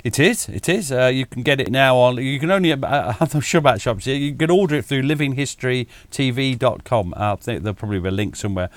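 A middle-aged man, a military historian talking as a guest over a video call, animated and self-deprecating, chuckling often and restarting his sentences. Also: mid-range voice, fast, hardly any pauses, no echo.

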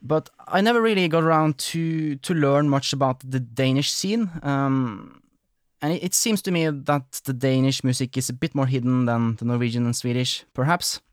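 A Norwegian man hosts a podcast interview, rambling and apologizing with plenty of filler words in a casual chat. His voice is medium-pitched and moderately paced, recorded with studio quality and no echo.

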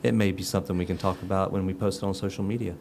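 Low-voiced joking male host. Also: fairly even intonation, racing, a little mellow, a little hiss or hum. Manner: joking, rambling with fillers. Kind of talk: casual chat.

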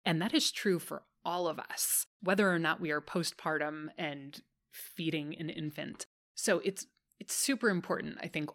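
A low-pitched woman co-hosting a relaxed chat podcast. She answers a listener's letter in a reassuring, conversational manner, often dropping in "like" as she talks. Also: no room sound, clean studio sound. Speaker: podcast co-host.

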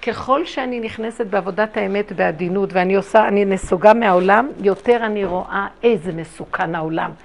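A middle-aged woman giving a spiritual talk to an audience, telling her stories emphatically and dramatically, with big swings in loudness. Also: a little high, vocal fry. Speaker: religious speaker.

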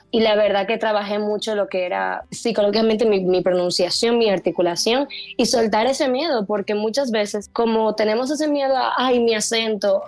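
A woman's voice: mid-range voice, darkish tone, dry recording. Earnest young woman, dry close sound. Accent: neutral Latin American Spanish. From Dominican Republic. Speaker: actress, interview guest. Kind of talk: casual interview talk.

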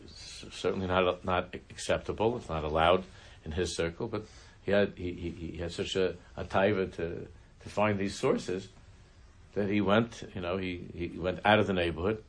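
A man teaching a religious class, telling a story in a halting way, often restarting his sentences. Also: deep voice, steady tone. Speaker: Torah teacher.

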